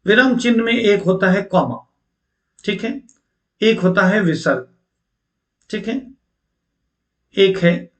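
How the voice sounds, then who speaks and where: A man with a notably high voice delivers an online lecture to exam candidates. He explains patiently and addresses the students directly, often asking questions and answering them himself. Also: expressive, slow, long pauses. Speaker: teacher.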